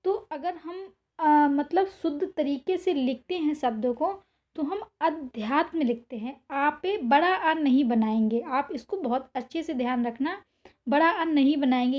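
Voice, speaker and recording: High-voiced woman teaching spelling. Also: highs cut off. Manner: repetitive, drawn-out spelling of words; reminds students again and again. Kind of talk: exam-prep spelling lesson.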